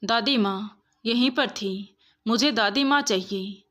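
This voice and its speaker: A woman's voice: a little high, slow pace, a bit bright. Woman voicing a stubborn little boy. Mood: pleading. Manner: pleading, insistent. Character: small stubborn boy missing grandmother.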